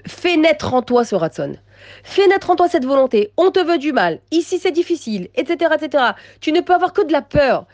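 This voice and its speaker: A woman's voice: high-pitched, big pitch swings, brisk, no echo. Emphatic woman giving religious encouragement. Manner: emphatic, repeats phrases, swings between soft and raised. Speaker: religious teacher addressing women. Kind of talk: inspirational religious talk.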